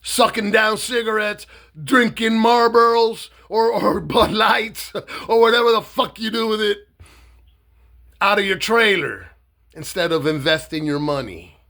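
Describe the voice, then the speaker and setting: A man from Miami giving a blunt, mocking, swear-heavy political rant to camera, loose and halting with fillers when he explains himself. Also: high-pitched, gravelly, pushed and bright. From Miami, Florida. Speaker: political satire vlogger. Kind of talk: profane political rant and monologue.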